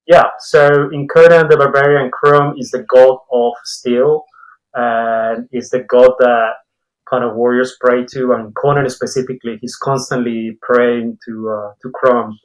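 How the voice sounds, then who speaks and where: Speaking through a mask on a podcast, a man from Colombia chats in a medium-pitched, unhurried voice with little pitch movement. The tattoo and comic artist shares anecdotes full of small hedges, captured on a rough recording.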